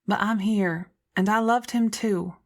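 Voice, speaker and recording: A woman voicing a gentle, sincere daughter-in-law in an audiobook, tender and earnest. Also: mid-range voice, unhurried, lightly acted. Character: gentle, grieving young widowed daughter-in-law, sincere and forgiving.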